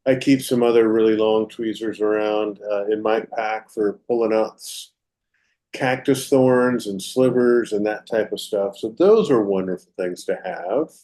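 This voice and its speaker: A man's voice: on the low side, unhurried, mellow. A man co-hosting a podcast, chatting in an easygoing, agreeable way and often affirming his partner. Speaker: podcast co-host. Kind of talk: casual podcast chat.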